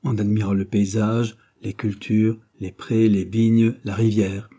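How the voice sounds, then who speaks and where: A man reading a classic French novel aloud in an even, unhurried narration. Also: on the low side, husky. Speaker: audiobook reader. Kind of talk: scripted literary narration.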